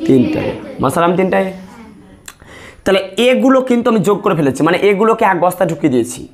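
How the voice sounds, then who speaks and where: A man's voice: high voice, lively intonation, fairly quick. A male math teacher leading a classroom lesson, asking questions and repeating the answers step by step. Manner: repetitive call-and-response questioning.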